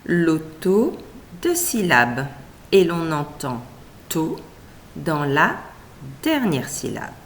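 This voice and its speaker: Female teacher, children's reading lesson; slow, melodic, syllable-by-syllable delivery with faint background hum. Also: sits low, huge pitch swings. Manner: slow, carefully segmented syllables, encouraging.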